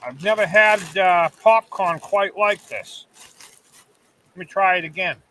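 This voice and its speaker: A man with a high, bright voice hosts a relaxed live chat from a cabin. He talks loosely to his viewers and reads their comments aloud as they come in. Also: a little slow, far from the mic, a little hiss or hum, poor audio. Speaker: livestream host.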